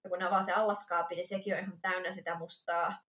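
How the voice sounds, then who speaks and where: A woman co-hosting a casual podcast chat, telling an everyday story in a lively way and acting out bits of dialogue. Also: on the low side. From Finland. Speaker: podcast co-host. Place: lives in Amsterdam. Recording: roomy echo.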